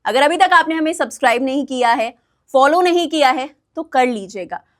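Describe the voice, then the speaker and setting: A woman's voice: high voice, expressive, fairly quick. A woman hosting a podcast interview, introducing the show and asking probing questions. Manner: friendly introductions, probing questions, frequent short acknowledgments. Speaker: podcast host.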